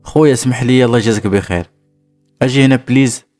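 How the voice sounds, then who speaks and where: A man voicing a bold, scheming young woman in a Moroccan story, with a Moroccan accent and a loud, indignant way of complaining. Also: fairly low pitch, expressive, rapid-fire, soft background music.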